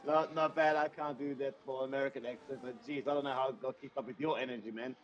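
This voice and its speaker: A man with a Serbian accent co-commentating a sim race in a laid-back, halting way. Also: medium pitch, steady tone, highs cut off. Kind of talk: casual co-commentary.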